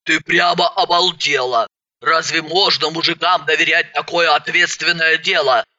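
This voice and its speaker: A woman voicing a loud, nervous and blunt woman who speaks slowly and heavily. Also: low-pitched, steady tone, dull audio.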